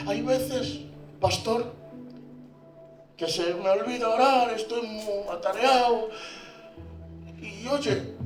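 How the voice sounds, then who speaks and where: Predicador español de voz aguda y resonante. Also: male voice, high voice. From Spain. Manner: swings from hushed to shouting. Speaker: pastor. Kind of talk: sermon. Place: church. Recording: echoey church from far off, faint music.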